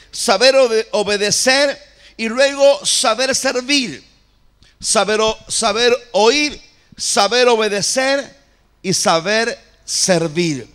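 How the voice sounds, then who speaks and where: Male preacher, high-pitched, unhurried, fervent with repeated amens. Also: clear, resonant tone. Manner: passionate, swings from shouting to quiet low asides; repeats phrases, calls for amen from the congregation. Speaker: apostle preaching at a church conference. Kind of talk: sermon.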